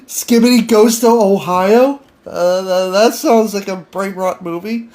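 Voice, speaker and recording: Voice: mid-range voice, a little slow, darkish tone. A podcast host chatting casually with an AI, giggling and stammering through restarts. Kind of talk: casual improvised chat with an AI.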